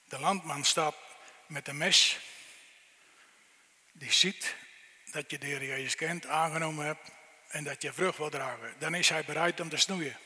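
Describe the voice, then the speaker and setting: A man's voice: fairly high pitch, measured pace, pauses often, sharp tone. A middle-aged man preaching a sermon, asking the listeners earnest, direct questions. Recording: long reverb in a church hall.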